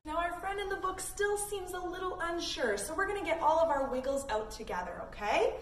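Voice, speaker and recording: Very high and animated, her voice moves briskly as she teaches children's yoga from a picture book. She reads with expression and gives young kids simple, supportive cues. Echo, a far-off mic and background noise color the recording.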